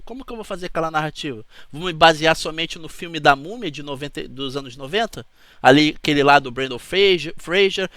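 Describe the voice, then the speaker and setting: A man's voice: high-pitched, a bit bright, no room sound. A man with a Brazilian Portuguese accent, hosting his channel in a chatty, rambling talk to camera that keeps checking in with the listener. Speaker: channel host.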